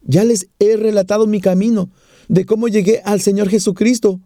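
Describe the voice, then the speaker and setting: A man's voice: high voice, steady tone, moderate pace, warm tone, dry recording, studio quality. A man giving a sermon as a personal testimony, earnest and repeating phrases for emphasis. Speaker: evangelist.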